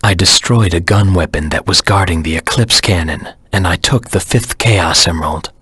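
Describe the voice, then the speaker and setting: Casting: vengeful hedgehog anti-hero for a video game. Grave, brooding, heavily husky, dry close sound. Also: male voice, deep voice, moderate pace, a bit bright, no room sound, full character voice. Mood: grim, brooding. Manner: terse, grave, menacing. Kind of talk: video game character acting.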